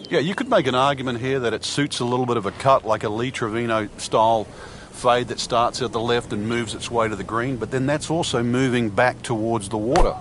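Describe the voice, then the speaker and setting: A man's voice: medium pitch, fairly quick, a little hiss or hum, close to an everyday voice. A man working as a golf analyst in a video game, explaining play in an easygoing, conversational commentary style. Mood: easygoing, analytical.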